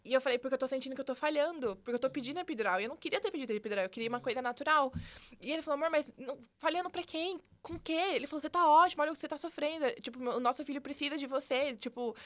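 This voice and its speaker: A young Brazilian woman with a Brazilian Portuguese accent, a podcast guest telling her story in a casual interview, animated and acting out the dialogue. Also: high voice. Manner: animated, acts out dialogue with quick restarts.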